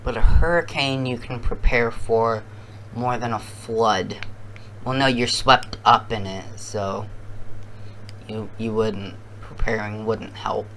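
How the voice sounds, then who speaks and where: Slow, halting challenge video host. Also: medium pitch, steady tone, a bit bright, slight background noise. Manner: halting, thinking aloud. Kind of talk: casual commentary to viewers.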